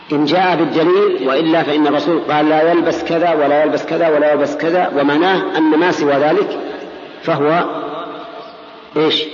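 Echoey, higher-pitched man lecturing on religion. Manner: didactic question-and-answer, repeating key phrases. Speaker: Islamic scholar lecturing. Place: large reverberant room with ambient noise. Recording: echoey hall, muffled, noisy recording.

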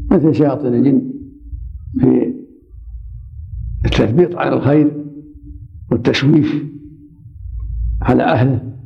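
Gravelly-voiced man teaching hadith. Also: mid-range voice. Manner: explains texts, answers students' questions. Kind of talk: hadith lesson with questions. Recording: dull lo-fi recording.

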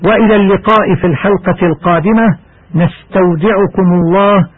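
A high-pitched, husky man gives a measured, formal lesson on Quran recitation. It is a dry, phone-like radio broadcast with a narrow, tinny sound. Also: steady tone, dry recording. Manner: measured, formal instructional delivery. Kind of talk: scripted lesson narration.

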